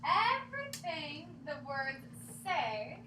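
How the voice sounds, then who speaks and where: High-voiced teacher reading aloud dramatically. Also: female voice, very animated, slow pace. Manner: dramatic, exaggerated reading with mock protests. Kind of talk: classroom read-aloud. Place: classroom. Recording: echoey classroom from far off, noisy.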